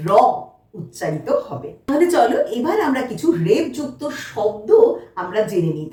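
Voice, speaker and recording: A woman teaching a children's spelling lesson, slow and patient, repeating each word twice. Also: a little high, a little mellow. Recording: echoey room, mic at a distance.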